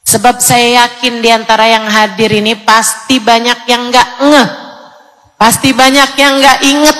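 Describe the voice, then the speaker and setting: Slow, high-voiced woman preaching in a hall. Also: a bit bright. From Indonesia. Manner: storytelling, acts out dialogue voices. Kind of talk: sermon with acted-out anecdotes. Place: lecture hall before an audience.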